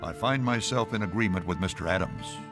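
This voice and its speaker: An elderly colonial statesman orates with pompous, senatorial weight. He is wry and resolute, in a medium-pitched voice. Loud music runs under this history cartoon performance. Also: brisk. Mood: solemn, oratorical. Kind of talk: animated history cartoon acting. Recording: music behind the voice.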